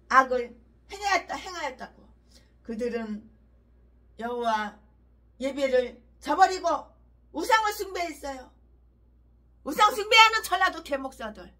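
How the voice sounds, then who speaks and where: A woman's voice: sits high, pushed and bright. A woman pastor giving a fiery sermon, ranting harshly with repeated emphatic phrases.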